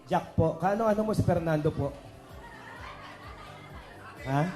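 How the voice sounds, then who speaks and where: A man's voice: on the high side, slow, crowd noise. A man hosting a children's party as the magician, teasing the guests and leading cheers over a microphone. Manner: joking, teasing, coaxes kids and guests. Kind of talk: lively party hosting with crowd banter. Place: indoor party venue with PA speakers. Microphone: handheld microphone through PA. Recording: echoey PA sound with party music. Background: party music.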